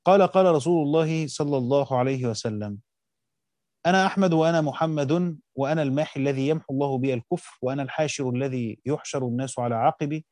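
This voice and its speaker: A man's voice: medium pitch, darkish tone, dry recording, clean studio sound. An Egyptian man teaching a lesson, reading passages from a classical text aloud and explaining them in colloquial speech.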